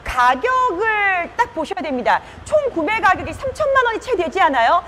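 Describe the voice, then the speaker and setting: A woman presenting cars in a live sales pitch, slick and emphatic, repeating key selling phrases like a practiced used car dealer. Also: very animated, moderate pace, heavy background noise.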